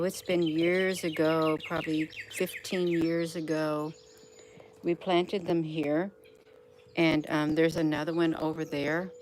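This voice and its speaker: A woman hosting a casual live stream outdoors, talking to viewers in a folksy way and repeating phrases for emphasis. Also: low-pitched. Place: outdoors on a porch. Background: wind chimes and birdsong.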